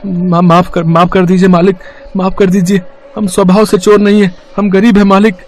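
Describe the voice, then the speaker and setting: A man's voice: fairly high pitch, steady tone, measured pace, close to an everyday voice. A man voicing a poor, humble father who sells chickpeas, in a meek, pleading and sorrowful manner, in a cartoon story.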